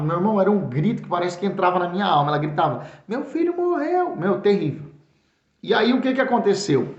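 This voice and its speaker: A man with a São Paulo Brazilian accent preaching earnestly, repeating his words and stumbling over fillers as he calls the listener brother. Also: sits high. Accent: Brazilian Portuguese, São Paulo. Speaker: pastor, Bible teacher. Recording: echoey room, dull lo-fi sound.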